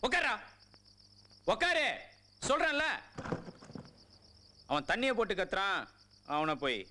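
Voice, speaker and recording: An actor playing a gruff gang member, talking in blunt, scolding street slang. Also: male voice, very high voice, huge pitch swings, unhurried, sharp tone, slight background noise, full character voice.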